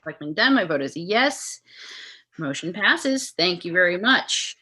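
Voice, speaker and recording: A woman with a bright, forward voice pitched a little low acts as board chair. She runs formal meeting procedure, calling for comments and votes. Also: big pitch swings, unhurried.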